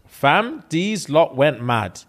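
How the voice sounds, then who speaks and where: Young male host, London roadman accent, lively swooping delivery, jokey slang, reading comments aloud. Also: on the high side. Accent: London, urban roadman slang. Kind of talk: casual banter, reading out online comments.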